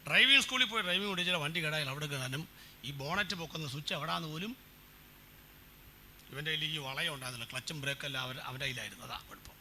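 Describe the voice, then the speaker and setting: A man preaching as a pastor, animated, firing questions at his congregation during a sermon. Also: a little high, racing, slight background noise. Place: church.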